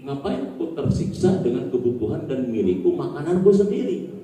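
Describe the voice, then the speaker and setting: A preacher voicing a cheerful, wise ant calmly explaining its view. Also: male voice, medium pitch, moderate pace, close to an everyday voice. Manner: calm, explaining. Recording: echoey hall, distant mic.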